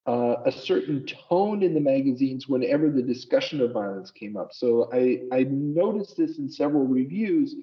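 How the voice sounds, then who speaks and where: A male interviewer from the United States, raised in Argentina, sets up long, thoughtful questions for his guest. He sounds set back from the microphone, and the audio is muffled. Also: medium pitch. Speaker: podcast host, interviewer. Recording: distant, muffled mic.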